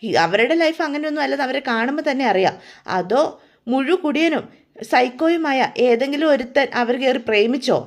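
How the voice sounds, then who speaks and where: A drunk, boastful young man, as a woman storyteller puts him on drags out his words in slow, defiant bursts. The voice sits high with a gravelly edge, and he refuses any help. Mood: scornful.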